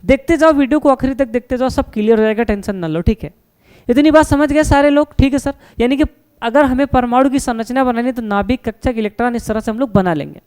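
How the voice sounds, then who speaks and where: A man with a smooth, clear voice teaches a science lesson at the board. He keeps firing questions and answering them himself, calling his students "beta" and "sir" and reassuring them that nothing is hard. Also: extremely high pitch, quick pace, a little mellow. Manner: reassuring, repeats "no problem".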